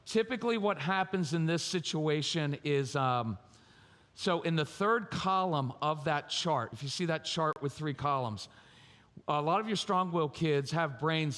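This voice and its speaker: A man giving a live talk to a conference crowd, lively and joking as he speaks straight to them. His voice sits fairly high for a man and rings through a large, reverberant hall from a stage microphone. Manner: lively, humorous, addresses audience directly.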